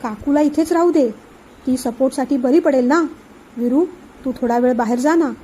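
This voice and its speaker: A woman's voice: sits high, moderate pace, slightly rough, rough recording. A woman voicing a nervous young man. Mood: hesitant. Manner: hesitant, soft.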